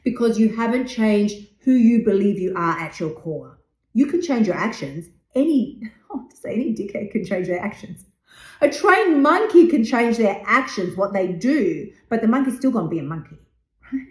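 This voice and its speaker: A woman's voice: medium pitch, very animated, moderate pace. Woman in her fifties, motivational podcast host with a blunt, salty delivery, recorded in a roomy space. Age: 50s. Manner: blunt and emphatic, swears freely. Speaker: podcast host and weight loss coach. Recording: roomy echo.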